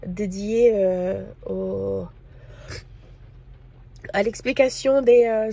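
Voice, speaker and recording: A woman from France talking casually to camera in a personal vlog, hesitant and full of pauses and fillers. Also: mid-range voice, gravelly, dark tone, husky. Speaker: vlogger.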